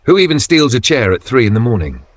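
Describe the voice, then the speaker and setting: A man's voice: mid-range voice, sing-song, quick pace, no room sound. A man narrating video clips in a casual scripted commentary style, with slangy, wry wording and short punchy phrases.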